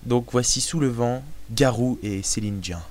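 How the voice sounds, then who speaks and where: A man's voice: mid-range voice, normal speed, a little mellow. A man hosting a live show in casual chat, reading out listener messages with joking banter. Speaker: host.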